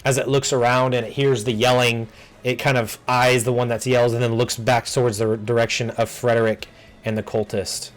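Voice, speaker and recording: A man narrating a tabletop game as game master, unhurried and loose, often pausing with ums and uhs. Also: mid-range voice, flat delivery.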